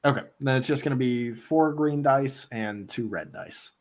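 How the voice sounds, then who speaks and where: A man narrating as the game master of a tabletop game, relaxed and rambling with many fillers. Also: mid-range voice, moderate pace.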